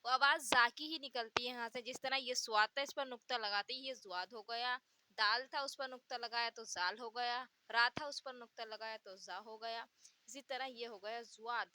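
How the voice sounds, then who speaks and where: A woman with a highish, bright, forceful voice teaches the Urdu alphabet at normal speed. In this slow, letter-by-letter pronunciation lesson, she patiently repeats each letter's sound and offers example words.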